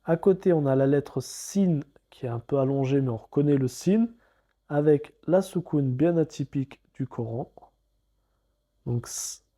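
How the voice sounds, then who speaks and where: Slow, patient male reading teacher. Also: on the high side, dark tone. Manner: spells out letters and vowels one by one, patient. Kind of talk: slow step-by-step reading lesson.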